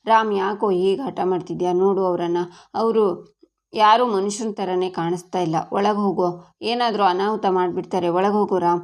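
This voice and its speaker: A woman doing a protective mother from a TV serial, arguing indignantly for her son. The voice is middle-pitched and insistent. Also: fairly even intonation, moderate pace, darkish tone, lightly acted. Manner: defiant, arguing.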